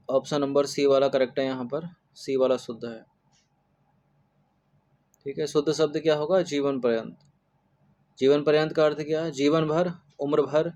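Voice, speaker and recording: A man works through exam questions one by one, a tutor who keeps repeating each spelling and checking in with listeners as he goes. His voice sits a little higher than most men's. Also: a little mellow, highs cut off. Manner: repetitive, drills spellings with "ठीक है" fillers. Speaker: exam-prep teacher. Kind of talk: explaining test answers.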